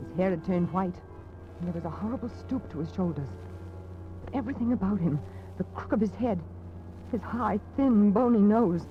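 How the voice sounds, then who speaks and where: An actress with a natural, mid-range voice portrays a scared young woman who talks anxiously and stammers. It's a 1940s radio drama, heard through a dull, lo-fi broadcast recording.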